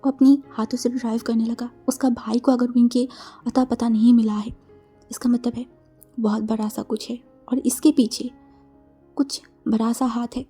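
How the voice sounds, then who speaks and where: A woman narrates a fan fiction story in a loose, chatty style, slipping English connecting words into her sentences. Her voice is somewhat high yet warm and dark in tone. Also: flat delivery, moderate pace, slightly rough, faint music behind.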